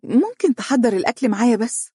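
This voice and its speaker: A storyteller voicing a lively, teasing young wife in Egyptian dialect, pitching up to play her. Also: fast, husky, no room sound, studio quality. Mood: playful. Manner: bright, teasing, rising excited pitch. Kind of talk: storybook reading.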